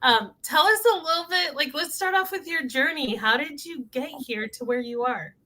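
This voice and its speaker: A woman's voice: high voice, moderate pace, pushed and bright. A woman hosting an interview, talking in an effusive, admiring way. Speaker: host and childbirth educator. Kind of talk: casual interview talk.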